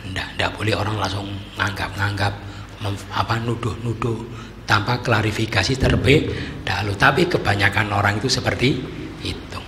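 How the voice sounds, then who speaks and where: A man's voice: fairly low pitch, steady tone, normal speed, a bit bright. A man giving a conversational sermon, often asking his listeners rhetorical questions. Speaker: preacher. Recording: echoey hall with faint noise.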